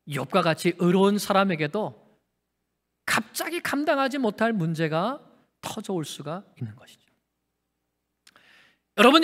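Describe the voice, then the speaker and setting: High, bright-voiced pastor preaching in a reverberant church. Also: male voice. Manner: asks the congregation rhetorical questions and repeats phrases for emphasis. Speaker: senior pastor. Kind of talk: sermon. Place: large church sanctuary. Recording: long church-hall reverb.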